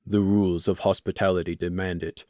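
A man's voice: flat delivery, a little fast, no echo, studio quality, natural voice. Man doing a formal warrior pegasus. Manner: formal, recited, low and quiet.

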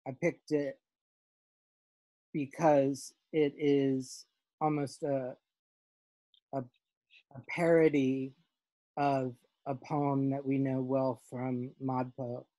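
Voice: medium pitch, flat delivery, very slow, long pauses, warm tone, no echo, poor audio. A class leader on a video call, asking questions in a hesitant way with many fillers and repeated words. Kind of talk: leading a class discussion.

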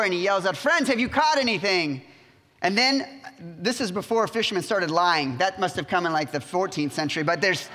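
A man delivers a sermon in a church, his voice sitting high and sounding bright and forceful. He tells the story with animation and the odd joke, and the sound carries a long hall reverb. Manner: storytelling, animated retelling with humor. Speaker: pastor. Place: church sanctuary.

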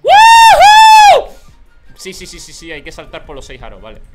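A young man with a Canary Islands Spanish accent, commentating his own gameplay live, swinging from calm muttering to loud shouting. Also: a little high, fast, soft background music. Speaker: gaming streamer.

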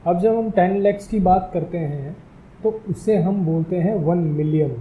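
A man's voice: high-pitched, a little slow, mellow. A man teaching a spoken English lesson, spelling words out letter by letter in a careful, explaining manner.

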